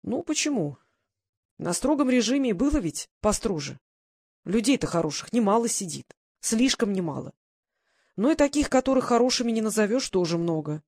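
A woman voicing a weary, aging male ex-convict father who speaks in a gruff, resigned way. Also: a little high, sing-song, normal speed, a little mellow, no echo, clean studio sound, pitched above the performer's own voice.

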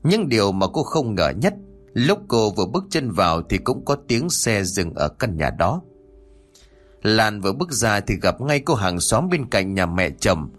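A man reads a horror story with a low voice that rises and falls expressively. His delivery is steady and dramatic, with soft music quietly underneath. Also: measured pace. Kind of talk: scripted narration of a horror story. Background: faint music.

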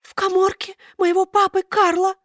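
Storybook puppet boy, high and wailing, small and pitiful; a woman acts him out. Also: little pitch movement, moderate pace, a bit bright, no echo, clean studio sound. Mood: pleading. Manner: thin plaintive wailing voice.

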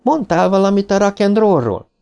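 A man's voice: gravelly, clear, resonant tone, heavily acted. A man voicing a dazed, frightened adult woman who laughs and asks urgent questions in an audiobook. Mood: curious. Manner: high, excited voice with urgent questions. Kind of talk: audiobook character voice.

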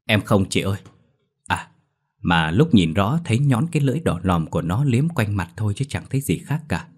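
A man's voice: on the low side, sing-song, fairly quick, husky. A man voicing a cheeky young man who whines and yelps in fright, in a told ghost story. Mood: pleading. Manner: whiny, shouts in fright.

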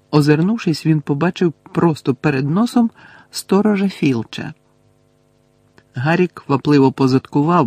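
A man reading an audiobook in a steady, expressive narrating voice. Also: mid-range voice, slightly rough, no echo.

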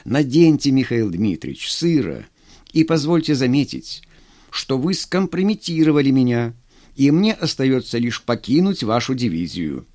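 A man's voice: medium pitch, sing-song, moderate pace, a little mellow, lightly acted. A man voicing a dignified civilian who speaks formally and with displeasure. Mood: reproachful.

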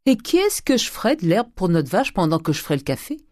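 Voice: mid-range voice, very animated, fast, a little mellow, no echo, clean studio sound, voice pushed up, close to an everyday voice. A reader voicing a blunt, rustic old female servant in an audiobook. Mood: grumbling.

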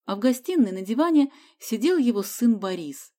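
A woman reading an audiobook in even, measured narration. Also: on the high side.

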